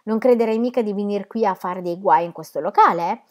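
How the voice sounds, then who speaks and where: A woman's voice: mid-range voice, fairly quick, lightly acted. A woman reading a novel aloud, voicing a brash, commanding man who throws out troublemakers. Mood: forceful. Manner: loud, commanding. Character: rowdy brash man defending the owner.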